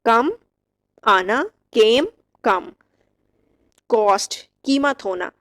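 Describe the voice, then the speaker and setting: A woman teaching English verb forms, reciting each word slowly and clearly with short explanations. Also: a little high, fairly bright tone. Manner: slow, drilled word-by-word recitation. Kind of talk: vocabulary lesson.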